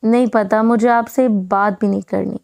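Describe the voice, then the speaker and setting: A woman's voice: medium pitch, fairly even intonation, gravelly, a little mellow, dry recording, clean studio sound, lightly acted. A woman reading the lines of a pouting, tearful teenage bride who complains to her husband. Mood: sulky.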